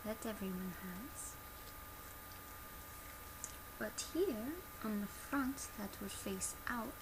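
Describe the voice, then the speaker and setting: Recorded at home on a noisy amateur webcam in a small bedroom, with clear background noise, a woman in her twenties gives a soft-spoken ASMR product demonstration. Playing a customer service presenter, she speaks softly and quietly in a gentle, instructional tone, her voice a little high.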